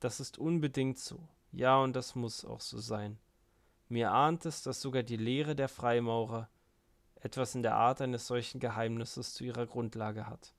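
A brooding young intellectual weighs his ideas with dry irony, as a male reader puts him on. The voice is low and gravelly, measured and cool in its delivery. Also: steady tone, lightly acted.

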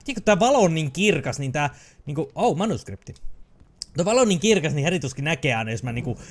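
Young guy yelling at a video game, a bit high-pitched, super bouncy, game noise faint in the back. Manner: excitable, jokey, shouts at the game. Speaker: let's play host. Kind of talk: casual gameplay commentary.

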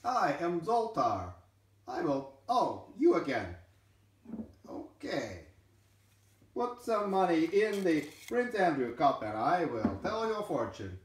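A grandiose, money-hungry fortune machine with a self-important, sweeping delivery, voiced by a man. Its lively voice rises and falls dramatically and sits a touch high. The sound bounces around a very echoey room, picked up from some distance. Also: slow pace, full character voice. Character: pompous male fortune-telling machine, grandiose, greedy.

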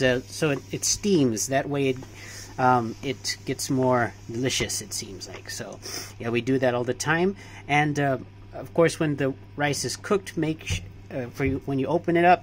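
Man, cooking vlog, slow unhurried talk, hesitant fillers, small kitchen, faint room hum. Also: medium pitch. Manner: relaxed, hesitant, many fillers. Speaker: cooking vlogger. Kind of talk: casual cooking demonstration.

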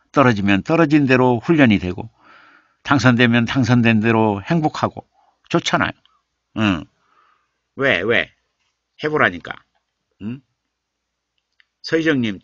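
A man's voice: medium pitch, fairly bright tone, dry recording, lo-fi sound. A man hosting a live stream, reading viewers' comments and coaxing them, then muttering and repeating lines as he revises their poems aloud. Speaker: live-stream host, writing teacher.

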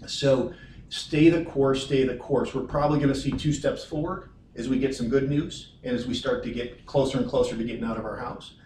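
A man's voice: mid-range voice, steady tone, fairly quick, a little mellow, a little hiss or hum. A middle-aged man from Western New York, president of a financial firm, talking plainly and reassuringly to clients from a conference room. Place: wood-paneled conference room. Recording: roomy echo from far off.

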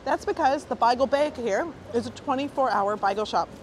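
A woman's voice: a little high, fairly quick. Chatty woman food guide on the street. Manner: chatty, enthusiastic explainer. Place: outdoors and inside small food shops. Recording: noisy street background.

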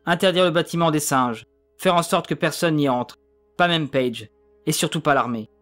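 A man's voice: fairly high pitch, moderate pace, fairly bright tone, soft background music, lightly acted. A man voicing a tense police commissioner who gives urgent, clipped orders in an audiobook.

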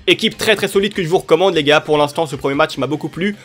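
A young man giving excitable, chatty commentary over his football video game matches, cheering at goals. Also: fairly high pitch, fast talker. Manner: excitable, cheers and shouts at plays. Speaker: gaming YouTuber. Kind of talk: live gameplay commentary. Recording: light music underneath.

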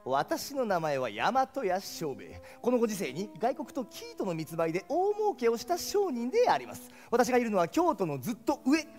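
Showy greedy merchant, wild pitch, echoey stage hall. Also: male voice, huge pitch swings, moderate pace, few pauses, darkish tone, soft background music. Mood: pompous. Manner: over-the-top wailing and pompous self-introduction. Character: comic greedy male silk merchant, wailing.

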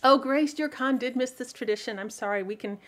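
A woman author with a high, slightly bright voice speaks fairly quickly while hosting her weekly livestream. She chats casually and rambles to viewers, with many fillers and restarts, laughing often between thoughts.

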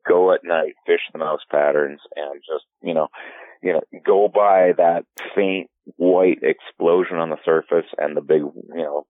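A man, a fly fishing guide and filmmaker, answering in a relaxed podcast interview and rambling through many restarts. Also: low-pitched, unhurried, no room sound. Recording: tinny phone-like line.

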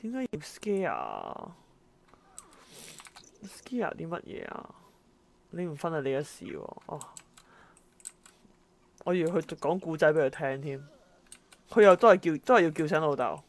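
A woman narrates her own gameplay, her voice sitting a little low. She talks in an exasperated, exclaiming way, scolding the characters on screen as she plays. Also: huge pitch swings, unhurried, creaky, pauses often. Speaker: gameplay commentator. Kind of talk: let's-play commentary.

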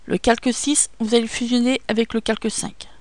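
A woman with a French accent guiding viewers step by step through photo editing software, patient and hesitant, with many fillers. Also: on the high side, level tone, a little fast, no echo. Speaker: software tutorial presenter. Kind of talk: screen-recorded photo editing tutorial.

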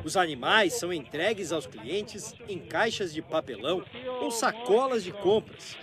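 A Brazilian man reading a scripted news report in a grave, measured voice. His voice sits high and moves around a lot, with a crowd audible behind him. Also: expressive. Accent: Brazilian Portuguese.

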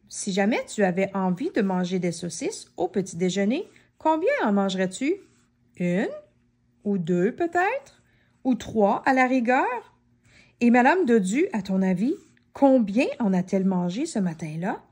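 A woman reading a children's storybook aloud in an expressive way, often asking questions of the child listening. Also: mid-range voice, a little slow.

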